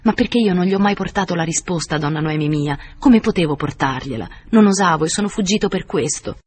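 A man's voice: fairly high pitch, animated, a little fast, slight background noise. A man reading the lines of a humble old male servant in an audiobook, speaking in a plain, deferential way. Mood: earnest.

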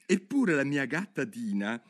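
A man's voice: mid-range voice, sing-song, a little slow, a bit bright, voice pushed up. A man reading a storybook aloud, voicing a curious, polite young girl who rambles eagerly. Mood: chatty.

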